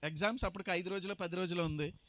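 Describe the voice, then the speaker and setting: A man's voice: sits high, steady tone, very fast, fairly bright tone. A man preaching his testimony as a pastor, emphatic and slipping English phrases into his talk. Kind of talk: sermon testimony.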